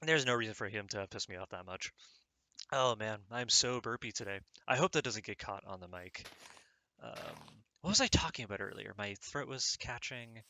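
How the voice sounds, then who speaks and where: A man's voice: on the low side, expressive, normal speed, bright, forceful tone, dry recording, poor audio. A man hosting his own gaming channel, chatting casually over play in an earnest, meandering way with many restarts, on a cheap microphone. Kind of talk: casual let's-play commentary.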